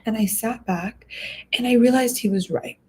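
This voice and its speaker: Young woman podcaster, mellow voice, earnest and reflective, little restarts, faint room noise. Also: fairly high pitch, moderate pace. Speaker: podcast host. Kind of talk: casual advice talk.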